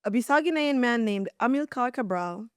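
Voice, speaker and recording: Brief: young woman host, dramatic storytelling, slightly high voice, dry close sound. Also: animated, brisk, smooth, no room sound. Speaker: podcast host. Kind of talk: casual chat and storytelling.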